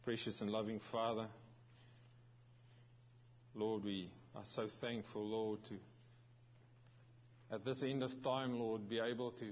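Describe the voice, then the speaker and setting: A man from South Africa, his accent tinged with New Zealand, gives a sermon as a visiting pastor. His voice sits lowish and level, and he speaks haltingly with frequent restarts and fillers. The sound quality is lo-fi.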